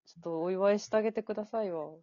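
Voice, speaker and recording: A woman's voice: medium pitch, racing, dark tone, dry recording. A woman co-hosting a podcast in casual chat, teasing her friend and telling stories. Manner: teasing, storytelling. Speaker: podcast co-host. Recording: dry, dull lo-fi audio.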